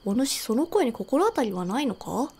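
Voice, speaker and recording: A woman reading a mysterious, sage-like old man's lines in slow, archaic elder speech while streaming a game. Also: fairly high pitch, big pitch swings, darkish tone, slightly rough, pitched below the performer's own voice, heavily acted. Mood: solemn. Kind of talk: reading a game character's lines during a live commentary stream.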